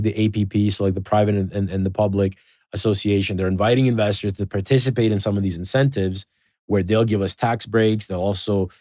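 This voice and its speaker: A man with a rather low voice, recorded dry, tells stories animatedly during a relaxed podcast chat. His talk is loose and wandering, packed with filler words.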